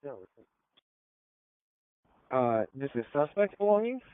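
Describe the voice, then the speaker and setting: A man's voice: on the high side, big pitch swings, takes it slowly, clean tone, no echo. Tinny radio voice of a man. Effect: two-way radio. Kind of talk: terse radio traffic. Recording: tinny narrowband scanner radio.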